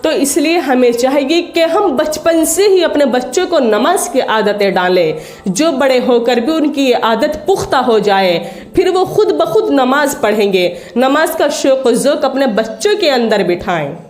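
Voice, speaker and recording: High-voiced woman giving a religious talk. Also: expressive, a little slow, darkish tone. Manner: earnest, repeats points for emphasis. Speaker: religious speaker. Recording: echoey room with faint music.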